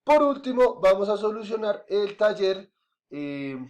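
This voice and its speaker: A man's voice: high-pitched, big pitch swings, measured pace, a little mellow, muffled recording. A male teacher giving a recorded grammar lesson to his class, patiently repeating each point and checking in often with the students;. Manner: checks in often with "¿listo?" and "¿cierto?".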